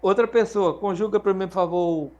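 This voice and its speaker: A Brazilian man with a notably high voice leads a live classroom lesson. He drills his students patiently with questions and slows down to sound out each word for them to repeat. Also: darkish tone, muffled recording. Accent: Brazilian Portuguese. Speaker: Latin teacher.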